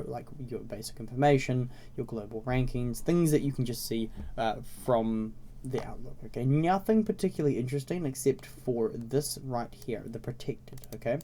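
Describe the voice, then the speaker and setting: A man hosts a casual game tutorial in a mellow, slightly raspy voice. He has a cold and sounds a bit congested. His delivery is informal and explanatory, with frequent little check-ins to the viewer. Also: mid-range voice. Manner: informal, explanatory, often checking in with "okay?" and "right?". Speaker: video host introducing a browser game series.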